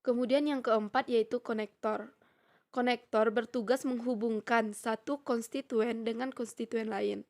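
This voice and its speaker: A young woman presents a grammar lesson, reading a prepared text at a steady, measured pace. Her voice sits a little high, and she slows down to spell out each example sentence. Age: young adult. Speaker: student presenter. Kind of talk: reading a prepared lecture on syntax.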